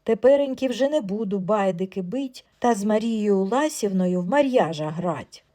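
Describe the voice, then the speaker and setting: A woman voicing a downcast husband who answers in a low, mournful murmur. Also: expressive, normal speed, dark tone, close to an everyday voice. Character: glum middle-aged mustached husband, downcast.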